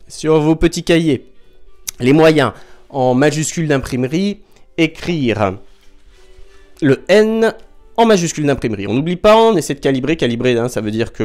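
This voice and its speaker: A man's voice: on the high side, animated, normal speed, a little mellow, soft background music. A man teaching young children from home, patiently spelling out syllables and counting down with a small child nearby.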